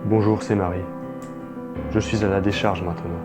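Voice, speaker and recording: A man voicing a sinister porcelain doll girl who leaves ominous phone messages, read low and slow. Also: steady tone, natural voice. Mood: eerie. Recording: music playing behind.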